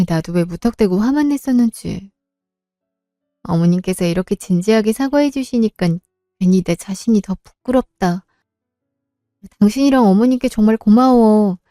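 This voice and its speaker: Woman as regretful young wife, mellow and subdued, audio drama. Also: medium pitch, no room sound, clean studio sound, natural voice. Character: young wife, remorseful and grateful.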